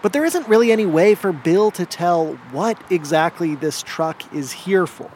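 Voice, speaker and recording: A man's voice: sits high, normal speed, slight background noise. A man hosting a radio show, narrating a story in a scripted, storytelling way. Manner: lively, storytelling delivery.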